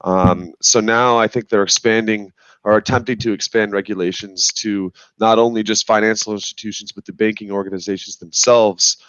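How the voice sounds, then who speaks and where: Male panelist, fairly low and dry, halting analytical talk, slightly muffled sound. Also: steady tone, fairly bright tone, clean tone, no room sound. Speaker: podcast panelist. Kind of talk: casual analytical discussion.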